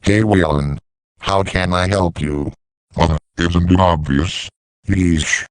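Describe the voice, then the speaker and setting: Very low, smooth male cartoon voice. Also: fairly even intonation, takes it slowly, dry recording. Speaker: voice of talking siren characters. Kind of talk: scripted character dialogue for an animated siren story.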